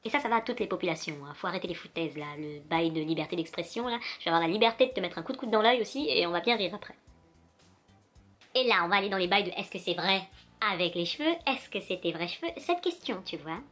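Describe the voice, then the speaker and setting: Sassy animated young woman vlogger. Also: fairly low pitch, fast, soft background music. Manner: sassy, animated, addresses viewer directly. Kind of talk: casual direct-to-camera rant.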